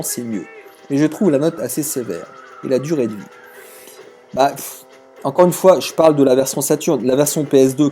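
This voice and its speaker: Guy chatting casually, warm mellow voice, faint music behind. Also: medium pitch. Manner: relaxed, chatty, frank opinions. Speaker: retro game YouTuber. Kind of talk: casual chat reading out viewer comments.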